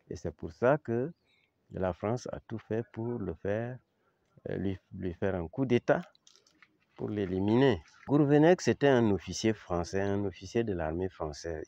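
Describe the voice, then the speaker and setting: An older man with a Chadian accent giving an informal historical account, halting and searching for words, yet emphatic with the listener. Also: low voice, warm tone, no echo, lo-fi sound. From Chad. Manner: halting, with repeated words and long searching pauses. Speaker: eyewitness commentator on history.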